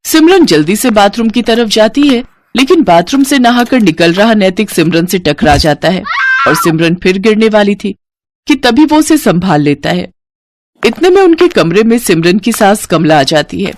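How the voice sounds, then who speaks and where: A woman narrating a cartoon story in a steady, clear storytelling voice. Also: mid-range voice, moderate pace.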